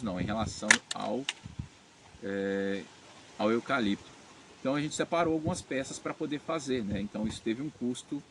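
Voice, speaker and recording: A man's voice: on the low side, slight background noise. A Brazilian man hosting his channel, casually answering viewer comments with many fillers and self-corrections. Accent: Brazilian Portuguese. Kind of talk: casual talk to camera.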